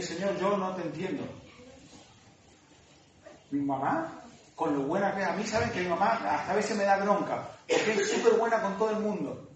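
Argentine male pastor, higher voice, emotional sermon storyteller, roomy distant hall sound, faint ambience. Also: noisy background. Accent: Argentine Spanish. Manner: emotional storytelling, voice dropping soft at tender moments. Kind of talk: sermon testimony. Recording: echoey hall, voice from far off.

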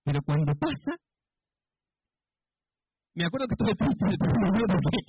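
A man from preaching a sermon, animated and full of rhetorical questions to the congregation, on a dull, dry, lo-fi recording. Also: high-pitched, moderate pace, slightly rough.

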